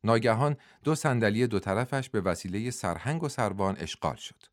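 A man reading a novel aloud as audiobook narrator, in steady scripted storytelling. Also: on the low side, no echo, studio quality.

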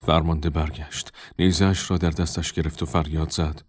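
A man reads a storybook in a very deep voice. His narration is calm and measured. The sound is dry and close. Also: breathy edge, no room sound.

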